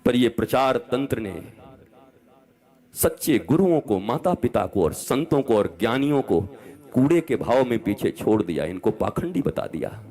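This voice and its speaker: A man in his fifties preaches a religious discourse to a large gathering. He talks with passion and a scolding edge, rising to loud outbursts and dropping to soft asides. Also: medium pitch, very animated, normal speed. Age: 50s. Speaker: spiritual preacher.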